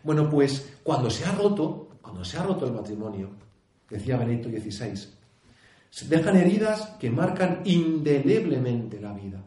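A priest with a Castilian Spanish accent giving an earnest conference talk, full of restarts, rhetorical questions and a tag "¿eh?". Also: male voice, medium pitch, sing-song, normal speed, dark tone. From Spain. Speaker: priest and pastoral speaker. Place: conference hall. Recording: echoey hall.

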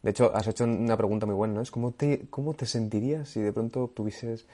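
A man's voice: fairly low pitch, steady tone, fast talker, mellow. A male host responding to his guest, reflecting and thinking aloud. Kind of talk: interview conversation.

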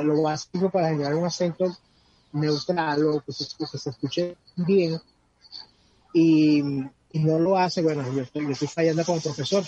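A man's voice: a little high, dark tone. A man giving earnest, conversational advice on personal growth, often repeating words as he searches for them. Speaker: guest speaker on personal growth. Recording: dull lo-fi sound with faint background noise.

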